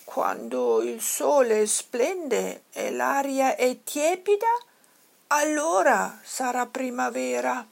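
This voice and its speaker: A woman's voice: high-pitched, big pitch swings, slow, vocal fry, heavily acted. A woman voicing a sleepy, patient mother bear who grumbles drowsily in a storybook.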